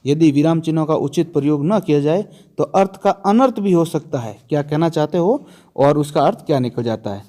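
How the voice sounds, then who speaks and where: A man's voice: fairly high pitch, lively intonation, brisk, warm tone. A man teaching a grammar lesson for an exam, asking his students questions and answering them himself, stressing and repeating the key terms.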